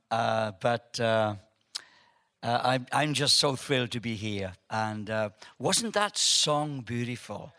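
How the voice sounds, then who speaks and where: A man in his seventies giving a humorous storytelling speech to a live audience, hesitant with many ums but animated once the story gets going. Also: mid-range voice. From Wales. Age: 70s. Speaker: guest speaker at an event.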